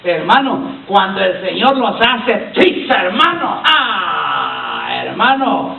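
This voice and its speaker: A man's voice: sits high, creaky, slight background noise. A male pastor preaches a sermon, calling on the congregation to repeat his lines and addressing them as brother. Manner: keeps addressing listeners as brother. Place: church hall. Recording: echoey far-off church recording over a lo-fi line.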